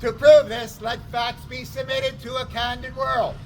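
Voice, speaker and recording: A man playing a town crier, delivering a formal proclamation in deliberate, declamatory short phrases, outdoors. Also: very high voice, little pitch movement, rough recording. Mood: solemn, proclaiming. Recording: outdoor recording with faint traffic noise.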